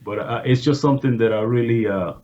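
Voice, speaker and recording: A music producer talks as a guest on a podcast in an earnest, relaxed way, with plenty of fillers. His voice is in the middle range for a man. The recording sounds muffled and lo-fi. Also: mid-range voice, brisk. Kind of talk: casual chat.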